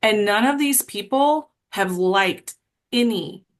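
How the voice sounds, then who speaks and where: A woman's voice: mid-range voice, slow pace. A woman leading a wellness sales team on a video call, chatting in a rambling, self-deprecating, motivational way. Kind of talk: casual motivational pep talk.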